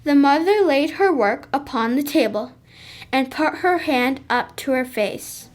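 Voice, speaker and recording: Child narrator for a school radio play, high and slow, faint music bed. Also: female voice, lively intonation. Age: child voice, third grader.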